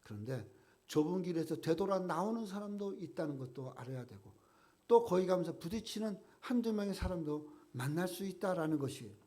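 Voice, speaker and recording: Preaching as a pastor a little fast, a man speaks emphatically and expressively, his voice rising as he quotes God's questions and sinking low and quiet as phrases end.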